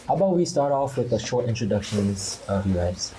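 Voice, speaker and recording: Very low-voiced young woman host. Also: fairly quick, background noise. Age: young adult. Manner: relaxed, lots of "um" and short reactions. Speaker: podcast host. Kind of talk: casual podcast chat.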